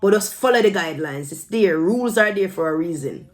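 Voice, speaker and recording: Speaking a little fast in a lowish, animated voice, a woman from Jamaica chats to camera about her opinions. She lectures her viewers emphatically in a Jamaican accent, with Patois phrases woven in.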